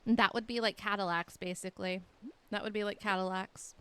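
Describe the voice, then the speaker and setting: Her mid-range voice is bright, forceful and smooth, with fairly even intonation and a slightly fast pace. The speaker, a young woman from Texas with a light accent, rambles chattily to her stream viewers, leaning heavily on "like."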